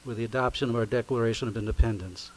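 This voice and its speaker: A man's voice: mid-range voice, rough recording. Man praying solemnly at a lectern microphone. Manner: solemn, measured, recited. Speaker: invocation leader at a county meeting. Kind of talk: formal spoken prayer.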